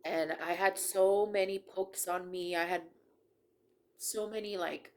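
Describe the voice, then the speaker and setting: A woman's voice: on the low side, steady tone, a little slow, a little mellow. A woman sharing a personal faith testimony, telling it earnestly and emotionally, often restarting her sentences.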